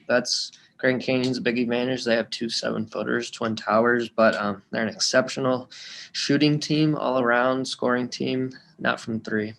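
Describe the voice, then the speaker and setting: Gravelly-voiced man talking basketball bets. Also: medium pitch, a bit bright, slight background noise. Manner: explains picks loosely with fillers. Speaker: podcast co-host. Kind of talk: casual sports betting analysis.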